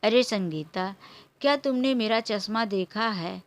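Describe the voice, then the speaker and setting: A woman's voice: medium pitch, a little slow, natural voice. A woman doing a weary old grandfather. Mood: lonely. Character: hurt elderly grandfather, gentle and lonely. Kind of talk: storybook character voice.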